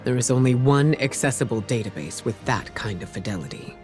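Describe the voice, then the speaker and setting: An actor playing a grave male mentor figure who speaks in a measured, solemn way. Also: medium pitch, expressive, soft background music, close to an everyday voice.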